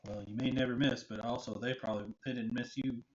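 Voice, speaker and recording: A man's voice: mid-range voice, fairly even intonation, fast talker. A man streaming a video game, chatting casually and rambling with lots of fillers and restarts. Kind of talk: casual gaming chat. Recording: muffled with faint noise.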